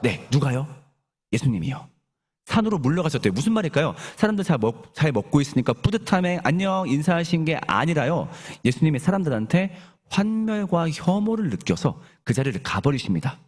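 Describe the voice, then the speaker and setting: A male pastor preaches a sermon in a church, his voice on the high side and fairly quick. He's animated and often asks the congregation questions.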